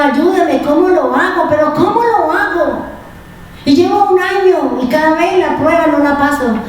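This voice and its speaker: A woman's voice: sits high, darkish tone, a little hiss or hum. A woman preaching a sermon, emotional and pleading, asking the congregation rhetorical questions. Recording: echoey church hall from far off.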